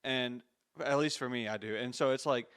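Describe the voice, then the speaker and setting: A man's voice: mid-range voice, steady tone, moderate pace, a bit bright, clear, resonant tone. A man in his thirties hosting a faith-based interview, reflective and encouraging, with frequent restarts. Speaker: podcast host.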